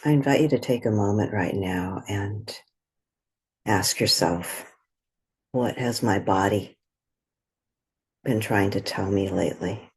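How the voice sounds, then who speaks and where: A woman guides a meditation gently and soothingly, her voice soft and breathy. She speaks in short phrases separated by long pauses. There's also a bass voice.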